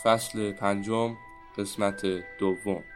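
A man giving a slow, formal title announcement. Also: fairly low pitch, flat delivery. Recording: mallet music under the voice.

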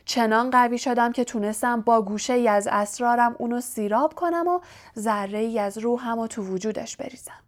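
A woman voicing a scheming young male wizard in an audiobook, speaking in a soft, silky, menacing way. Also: on the high side, close to an everyday voice. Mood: gloating. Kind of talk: audiobook character voice.

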